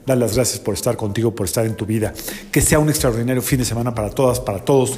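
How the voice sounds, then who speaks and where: A man hosting a daily numerology talk, speaking calmly and stretching out key words, his voice ringing with a heavy hall echo. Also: medium pitch, quick pace. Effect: heavy hall echo, like a cathedral. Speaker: psychotherapist and numerologist host. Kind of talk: daily numerology podcast monologue. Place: large echoing room. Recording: long echoey reverb with faint music.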